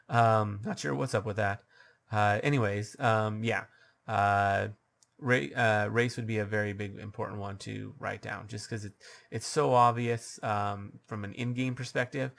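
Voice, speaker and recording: Here a man with a fairly low, steady, slightly bright voice that turns creaky hands out dungeon master tips. He improvises haltingly, restarting often and filling gaps with ums and uhs, and there's a bit of scratchiness to his sound.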